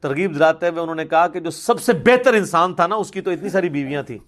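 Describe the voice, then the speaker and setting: A man's voice: a little high, a bit bright. A man giving a religious question-and-answer talk, reasoning patiently and pressing hard on his key points.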